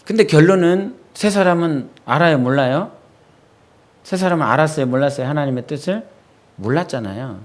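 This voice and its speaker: A male pastor giving a midweek sermon in a church. He talks with the congregation, asks them quick questions, and goes soft and low when he quotes his own prayers. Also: lively intonation. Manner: conversational preaching, quizzing the congregation with quick questions. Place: church sanctuary.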